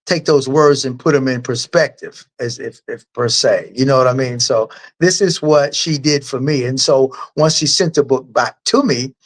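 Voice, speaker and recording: A man, a guest author, answering interview questions in a rambling, halting and earnest way. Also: medium pitch.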